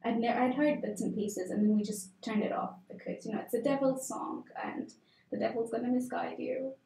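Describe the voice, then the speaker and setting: Guest: young woman from Tanzania, candid, chatty, slightly high mellow voice, echoey room. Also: fairly even intonation, moderate pace, creaky. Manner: candid personal storytelling with fillers. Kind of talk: conversational interview.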